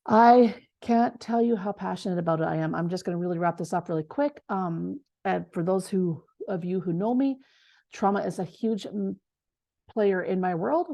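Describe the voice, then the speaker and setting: Mellow-voiced woman, passionate and rambling. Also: on the low side, vocal fry. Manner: passionate, rambling, stumbles over words. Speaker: essential oils class co-teacher. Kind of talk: casual online class.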